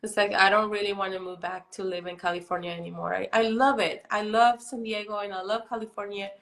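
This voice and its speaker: A woman's voice: mid-range voice, steady tone, a little fast, a bit bright. A woman in her forties from Mexico, hosting a live video chat in a casual, rambling way, filling her talk with "you know" and "like". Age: 40s. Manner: chatty, many fillers like "you know" and "like". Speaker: live stream host.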